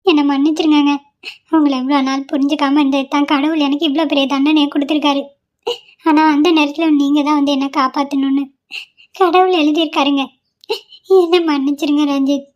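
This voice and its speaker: A woman's voice: high-pitched, little pitch movement, a little fast, a little mellow, natural voice. A woman voicing a pleading young cartoon wife. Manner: pleading, emotional. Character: young wife, remorseful and devoted. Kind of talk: cartoon voice acting. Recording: dull lo-fi sound.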